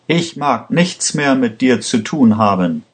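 A man voicing an angry young woman who shouts in indignation. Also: medium pitch, expressive, slow, voice pushed up. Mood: furious.

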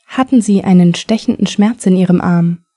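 A woman reading the lines of a calm male surgeon who explains treatment in a measured way. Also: on the low side, no room sound, studio quality, soft background music, lightly acted.

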